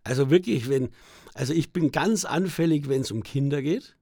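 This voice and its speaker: A middle-aged man, a driver talking as an interview guest, who bursts into loud, abrupt laughter and restarts his words often. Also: on the high side, moderate pace, no echo, studio quality. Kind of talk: casual interview chat.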